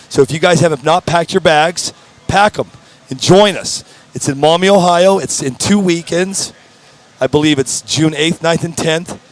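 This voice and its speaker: A talkative man hosts live interviews at a racing event. His voice sits a little high, and he talks in an eager, promotional way. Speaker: host.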